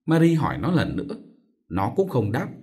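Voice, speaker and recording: A man narrating a novel in an expressive, dramatic storytelling manner. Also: mid-range voice, normal speed. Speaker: audiobook narrator.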